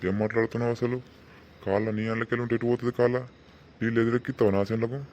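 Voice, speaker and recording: A man's voice: medium pitch, level tone, rapid-fire, darkish tone. A man voicing an exasperated village elder in a cartoon, scolding as he judges a dispute. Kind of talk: cartoon voice acting. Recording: dull lo-fi sound with faint noise.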